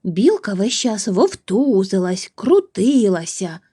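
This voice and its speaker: A woman reading a children's story aloud, gentle and soft, sometimes dropping to a whisper. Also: medium pitch, sing-song, slow pace, breathy edge.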